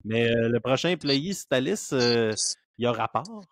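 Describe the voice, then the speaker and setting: A man hosting a podcast, talking casually with hesitant fillers and quick laughs. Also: mid-range voice, expressive, a little hiss or hum. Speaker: podcast host. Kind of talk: casual chat.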